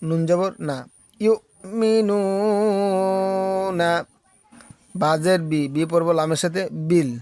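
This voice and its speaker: Man from Bangladesh, Quran reading tutor, slightly high voice, slow drawn-out syllables, dry close mic. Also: steady tone, darkish tone, no echo. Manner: spells syllables slowly, drawing out vowels. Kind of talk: slow spelled-out recitation lesson.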